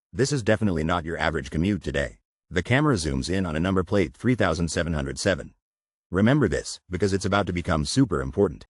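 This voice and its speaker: A man's voice: low-pitched, dry recording, studio quality. A man narrating a comic recap as scripted voice-over, wisecracking with playful asides.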